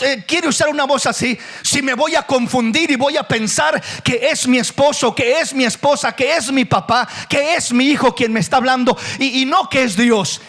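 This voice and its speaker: High-voiced pastor preaching a sermon. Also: male voice, a bit bright. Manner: preaching with questions and acted quotes.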